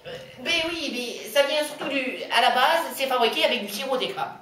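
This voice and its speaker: A man's voice: extremely high pitch, animated, brisk, pushed and bright, distant mic, exaggerated voice. A man playing an earnest Québécois writer in a comedy sketch, with a put-on Québécois accent, hesitant and repeating his words. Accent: put-on Québécois French. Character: male Québécois writer, earnest, rambling, touchy. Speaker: studio guest. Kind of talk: amateur comedy sketch acting. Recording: echoey room, voice off-mic.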